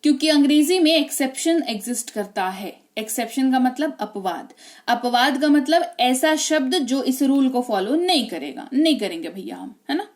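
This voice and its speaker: A woman's voice: sits high, animated, moderate pace. A woman teaching English reading rules in a chatty way, often checking with the listener. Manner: chatty, keeps checking with "ठीक है?" and "है ना?". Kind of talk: explaining reading rules in a lesson.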